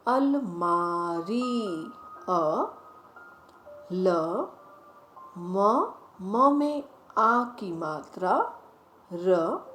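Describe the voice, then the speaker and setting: A woman teacher leading a children's phonics lesson, speaking directly to the children and drawing each word out slowly as she repeats it. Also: mid-range voice, fairly bright tone. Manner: slow, drawn-out word repetition. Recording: roomy echo, faint music behind.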